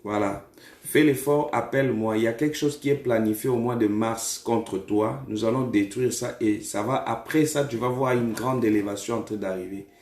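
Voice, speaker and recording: A man leading a deliverance prayer as a prophet, giving commands to callers in a forceful, repetitive way. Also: mid-range voice, fairly even intonation, normal speed, roomy sound.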